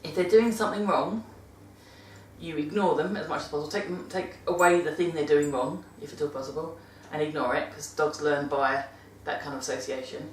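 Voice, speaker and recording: A woman's voice: low-pitched, fairly even intonation, fairly quick, a little hiss or hum. A British woman talking casually about caring for dogs, chatty and rambling, often correcting herself mid-sentence. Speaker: vlogger giving dog-care tips. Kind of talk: casual monthly vlog talk. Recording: roomy sound from a distant mic.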